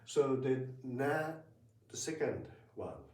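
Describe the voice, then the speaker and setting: A man gives a casual language lesson, pausing often and filling gaps with "uh" and "um". He talks at a slow, unhurried pace. His voice sounds roomy and a bit off-mic. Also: mid-range voice, very animated, darkish tone. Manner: slow, hesitant, many fillers. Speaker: Japanese language teacher. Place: room in Tokyo. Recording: roomy, from a distance.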